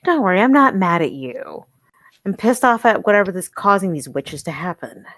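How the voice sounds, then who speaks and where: A woman role-playing in a tabletop game, speaking in a teasing, animated way. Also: mid-range voice, normal speed, dry recording, clean studio sound.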